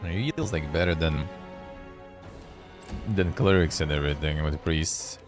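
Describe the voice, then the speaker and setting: A man's voice: rumbling low, steady tone, unhurried, music in the background. A man giving casual game commentary and reading story text aloud as a streamer.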